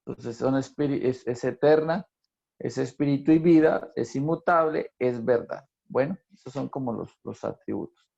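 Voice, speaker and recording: A man's voice: mid-range voice, moderate pace, gravelly, warm tone, dull audio. A man tutoring a Bible class, who repeats phrases for emphasis and quizzes his students. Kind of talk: teaching a Bible lesson to a class.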